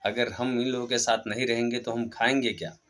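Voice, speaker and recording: A man's voice: mid-range voice, level tone, brisk, fairly bright tone, close to an everyday voice. Man doing a timid young lion, raised among sheep, meek and pleading, storybook figure.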